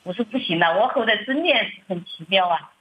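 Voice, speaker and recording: Middle-aged churchwoman, plaintive and hesitant, breathy voice, muffled sound. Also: medium pitch, expressive, brisk. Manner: hesitant, repeats words and restarts, plaintive. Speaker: church member sharing her troubles. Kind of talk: halting personal account. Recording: muffled lo-fi recording.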